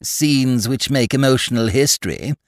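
A man's voice: mid-range voice, moderate pace, dry recording, studio quality, pitched above the performer's own voice, close to an everyday voice. A man voicing an earnest, pretentious woman author who pronounces her views impressively.

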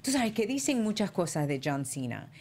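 Woman host, medium pitch, casual panel chat, expressive and emphatic, Spanish-English mix, faint noise behind. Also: moderate pace. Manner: code-switches between Spanish and English. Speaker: host of a wrestling talk show. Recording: noticeable background noise.

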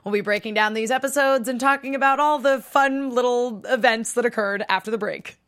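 A woman's voice: a little high, brisk, a bit bright. A woman hosting a talk show in a casual, chatty way, often dropping "like" into her sentences. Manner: conversational, peppered with "like".

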